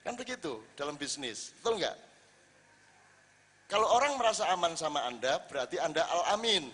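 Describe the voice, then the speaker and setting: High-voiced preacher man in a reverberant hall. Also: moderate pace, slightly rough. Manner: lively, rhetorical questions, acts out quoted lines. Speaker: Islamic preacher. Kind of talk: religious talk to a live audience.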